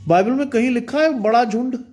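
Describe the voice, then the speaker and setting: Speaking briskly in a very high-pitched voice with a darkish tone, a pastor exhorts earnestly during an online sermon containing some English. He repeats phrases and sounds like he has a sore throat.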